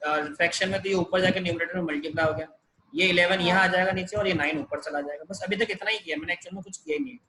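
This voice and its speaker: A man's voice: high-pitched, racing, pushed and bright, a little hiss or hum, rough recording. A man teaching a math class over a video call, explaining each step patiently. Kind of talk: online math lesson.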